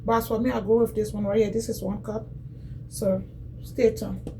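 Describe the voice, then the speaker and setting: Very noisy audio carries a mid-range, level-toned woman speaking at normal speed. A cooking vlogger from Liberia, West Africa, she casually demonstrates cooking in her home kitchen and talks directly to her viewers, often repeating herself.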